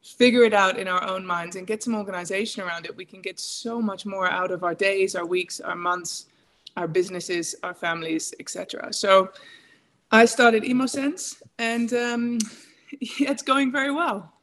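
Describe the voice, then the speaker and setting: A woman's voice: medium pitch, steady tone, normal speed, a bit bright. Woman, podcast guest, chatty, laughs a lot, lots of ums. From England. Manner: chatty, laughs often, many fillers. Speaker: guest, emotional intelligence coach. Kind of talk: casual interview talk.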